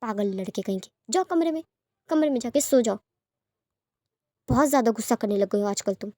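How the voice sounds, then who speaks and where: A woman voicing a practical young woman who looks after others and scolds briskly, in a storybook reading. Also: fairly high pitch, expressive, darkish tone, dry recording, close to an everyday voice. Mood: scolding.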